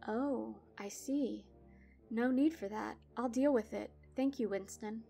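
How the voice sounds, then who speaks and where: A woman's voice: on the high side, takes it slowly, creaky, mellow, faint music behind. A woman voicing a bored, weary balding gatekeeper in his fifties in a spoken horror story. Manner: bored, brusque.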